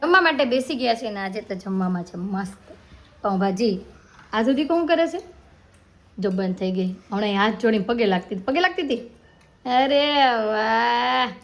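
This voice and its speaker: A woman's voice: mid-range voice, expressive, brisk. A woman narrating a casual family vlog at home, chatty and affectionate as she coaxes her children. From India. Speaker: family vlogger.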